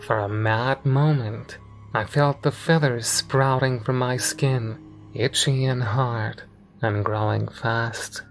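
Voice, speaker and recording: A man tells a first-person horror story in an even, measured narration. His voice sits in a middle register, with faint music playing behind him. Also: medium pitch. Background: faint background music.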